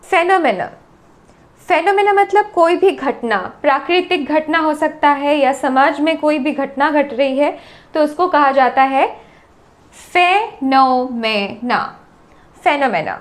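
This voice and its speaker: A woman with an Indian accent teaching English pronunciation, repeating each word slowly and drawing out its syllables. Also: high voice. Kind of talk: slow, deliberate pronunciation lesson.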